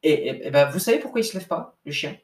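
A man's voice: a little high, lively intonation, fast. A young man, a sports coach, giving a casual motivational talk with lots of restarts and slang. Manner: informal, repetitive restarts, addresses listener as bro. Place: at a desk indoors. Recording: echoey room, mic at a distance.

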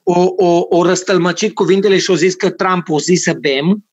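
A man telling stories in a casual panel chat, animated and quick to act out what others said. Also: high voice, lo-fi sound. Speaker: storyteller on a talk panel.

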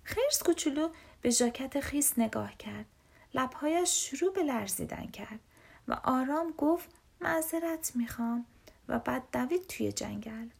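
A woman reading a children's storybook aloud in a soft, often whispered voice. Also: high-pitched, expressive, gravelly, breathy edge.

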